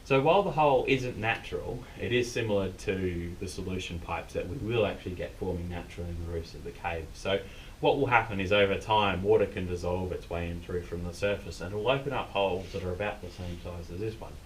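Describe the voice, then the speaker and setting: Male Australian cave tour guide, low register, casual and explanatory, recorded at a distance with some rumbling noise. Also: brisk. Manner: informal, unscripted explaining. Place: inside a limestone cave. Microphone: distant camera mic.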